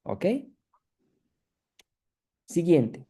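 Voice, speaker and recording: Very dark-voiced lecturer. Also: very slow. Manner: explanatory, checks in with "¿sí?" after almost every phrase. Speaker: university lecturer. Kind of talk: university lecture.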